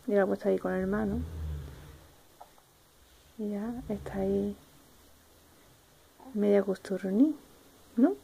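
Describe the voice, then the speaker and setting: A woman's voice: medium pitch, fairly even intonation, takes it slowly, gravelly, long pauses, dark tone, slight background noise. A mother from Spain talking baby talk to her infants in a home video, cooing and repeating little sing-song words, now and then bursting into playful squeals. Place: family home.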